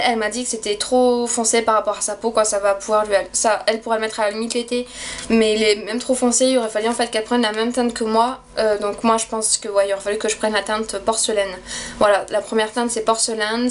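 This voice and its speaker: A young woman talks through her makeup haul at home in a casual, hesitant way, often stopping to restart her sentences. Her voice sits a little high, and a faint hiss runs under the recording. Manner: hesitant, many fillers and restarts. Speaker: beauty vlogger. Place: bedroom at home.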